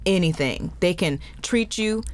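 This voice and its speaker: Emphatic woman co-host, lowish voice. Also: expressive, a little slow, no echo. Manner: emphatic, repeats phrases, frank and salty. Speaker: podcast co-host. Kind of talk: casual chat.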